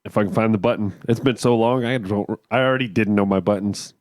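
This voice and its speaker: A man co-hosts a whiskey podcast despite a cough and stuffy nose, chatting casually, reviewing whiskey and spinning rambling jokes. His lowish, darkish voice moves quickly, recorded at studio quality with no echo and soft music underneath.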